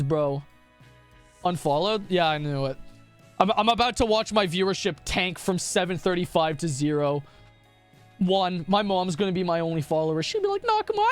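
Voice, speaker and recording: A man's voice: high-pitched, fairly bright tone. A young man streaming live, telling crude, profane, rambling stories to chat. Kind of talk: casual chat.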